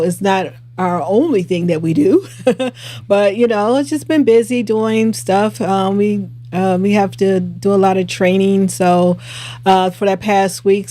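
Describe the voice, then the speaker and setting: Middle-aged woman, podcast co-host, casual and giggly, filler-heavy delivery. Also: medium pitch. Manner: relaxed, laughs often, many fillers. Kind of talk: casual live-stream chat.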